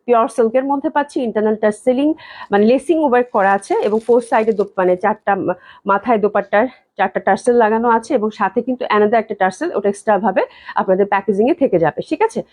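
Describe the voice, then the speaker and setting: A young woman from Bangladesh hosting a live sales stream, reading viewer comments and chatting quickly, often checking in with "okay?". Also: fairly high pitch, darkish tone. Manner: rapid, chatty, keeps asking "okay?". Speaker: live-stream clothing seller.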